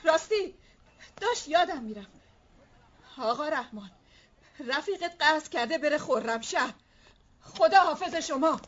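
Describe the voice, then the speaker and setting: A high-voiced distraught wife. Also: female voice, lively intonation, pauses often, fairly bright tone. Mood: weary. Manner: pleading, emotional, given to outbursts. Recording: dull lo-fi TV drama sound.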